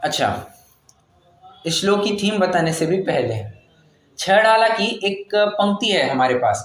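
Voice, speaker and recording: A man teaching a scripture class, patiently explaining how to pronounce each verse and chanting the lines slowly. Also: high-pitched, expressive, echoey room.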